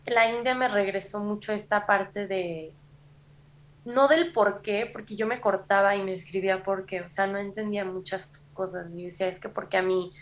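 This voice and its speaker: A woman with a Mexican accent, a podcast guest telling a personal story in a candid, confessional way, with frequent fillers. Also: medium pitch. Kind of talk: personal testimony in casual conversation.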